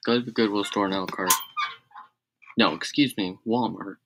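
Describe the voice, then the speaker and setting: A man's voice: on the low side, steady tone, moderate pace, gravelly, noisy background. A man rambling on a casual live stream, correcting himself and adding sarcastic asides.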